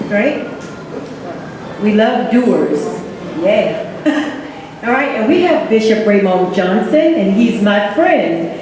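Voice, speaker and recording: A woman's voice: medium pitch, big pitch swings, slow, a little mellow, slight background noise. Upbeat woman moderating in an echoey hall. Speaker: panel moderator. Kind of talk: community panel discussion. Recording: echoey hall, room mic.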